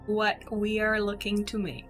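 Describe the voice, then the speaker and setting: A woman playing a tabletop game in a relaxed, easygoing way, planning with the group. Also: medium pitch, normal speed, faint music behind. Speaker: player. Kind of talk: casual tabletop play.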